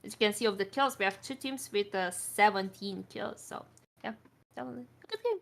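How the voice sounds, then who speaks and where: A woman's voice: mid-range voice, brisk, creaky, a bit bright. A woman giving color commentary on an esports match, recovering from illness and talking in a chatty way full of fillers. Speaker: esports co-caster.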